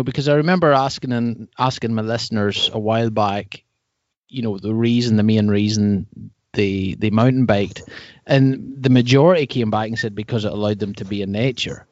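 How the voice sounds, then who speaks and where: The audio is dull and has no room sound as a male podcast host chats casually with his guest, introducing and quizzing him in a chummy manner full of slangy terms of address. He speaks in a mid-range voice at normal speed.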